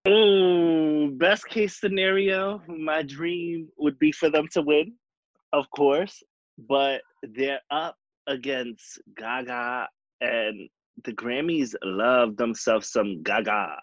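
A man who is a guest on a casual fan chat, talking in a relaxed, chatty way. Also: fairly high pitch, slow pace, dry recording. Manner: relaxed, chatty, with fillers and laughs. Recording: dry, dull lo-fi audio.

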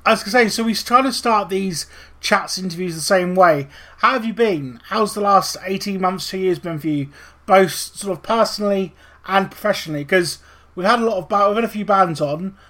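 A man's voice: high-pitched, fairly bright tone. A man hosting a podcast interview in a casual, chatty style. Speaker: podcast host.

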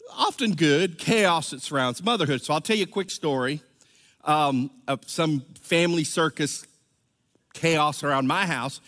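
A man's voice: on the high side, fairly bright tone. A middle-aged man, a church elder, preaching a conversational sermon and telling stories, often checking in with "right?". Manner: chatty storytelling, keeps asking "right?". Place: church sanctuary. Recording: long reverb of a large church hall.

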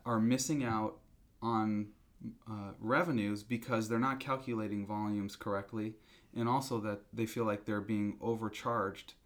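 A man speaking as a company representative in a business interview, explaining in a halting, conversational way. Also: fairly low pitch, steady tone.

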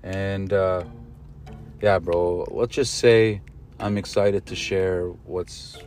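A man's voice: sits low, fairly even intonation, slow pace, a little mellow, a little hiss or hum. A man hosting a casual podcast, laid-back and slangy, calling everyone bro. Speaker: podcast host.

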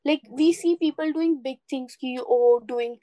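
A woman's voice: high-pitched, a little slow, warm tone, dry recording. A woman with an Indian accent chatting casually and reflectively in an earnest, encouraging way, slipping between English and Hindi. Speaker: podcast co-host.

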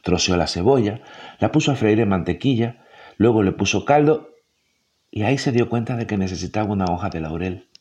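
A man narrating a children's story in a rhythmic, expressive way, leaning into repetitions. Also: fairly low pitch, brisk.

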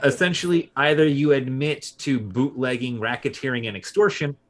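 A man co-hosting a history podcast in a relaxed, casual way, with frequent filler pauses. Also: mid-range voice. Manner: relaxed, many filler uhs. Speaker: podcast co-host.

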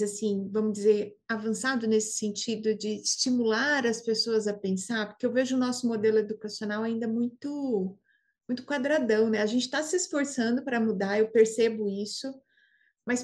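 A woman co-hosting a casual podcast chat, thinking aloud and searching for the right words. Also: mid-range voice.

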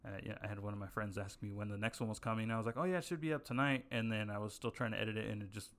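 A man's voice: lowish voice, monotone, rapid-fire, a bit bright. A young man co-hosting a podcast, telling a long story in casual chat with many fillers and restarts. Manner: rambling, filler-heavy storytelling. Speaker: podcast co-host.

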